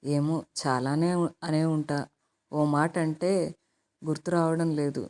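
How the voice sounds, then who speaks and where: An affectionate middle-aged mother who fusses over and teases her grown daughter, voiced by a woman narrator. Her voice sits low and mellow. She speaks warmly and lightly, close to a read-aloud tone. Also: steady tone, unhurried. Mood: teasing. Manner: affectionate, teasing.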